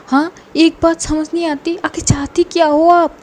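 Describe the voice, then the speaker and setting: A woman's voice: extremely high pitch, level tone, moderate pace, darkish tone, a little hiss or hum, voice pushed up. A woman voicing an upset young woman who insistently pleads with someone to stay away. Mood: angry. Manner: pleading, insistent, repeats please.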